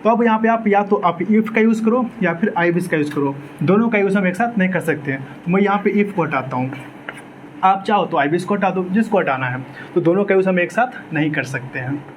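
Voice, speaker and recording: A man's voice: high voice, brisk, slight background noise, low-quality recording. A man teaching an exam-prep English grammar lecture, asking his own questions and answering them, repeating key words.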